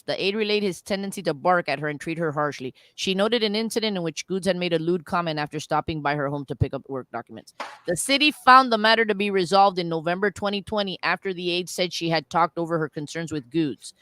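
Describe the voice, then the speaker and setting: Woman cohost, florida accent, reads news articles out loud, animated, dry close sound. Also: fairly low pitch, no room sound. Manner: animated, reads quotes aloud with restarts. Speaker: talk show co-host. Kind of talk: political commentary, reading articles aloud.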